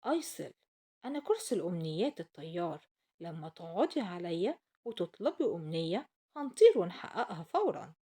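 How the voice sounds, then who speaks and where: A woman's voice: on the low side, very animated, brisk, dark tone, breathy edge, heavily acted. A woman with an Egyptian accent voicing a magic talking chair in a children's story, grand and inviting like a guide.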